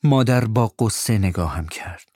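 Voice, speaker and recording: Calm, dry-voiced male storyteller. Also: on the low side, no echo. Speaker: audiobook narrator. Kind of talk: storybook narration.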